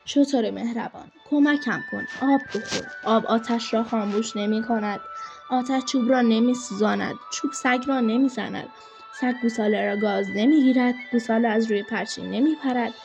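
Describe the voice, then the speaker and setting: A woman's voice: a little high, gravelly, music in the background. A woman voicing a weary old woman in a storybook tale, coaxing and pleading in a singsong way.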